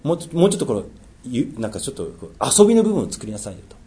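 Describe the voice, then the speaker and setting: Lively-voiced man preaching a sermon. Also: rapid-fire. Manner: swings between raised reading and low asides, jokes lightly. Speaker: pastor. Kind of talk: sermon with scripture reading.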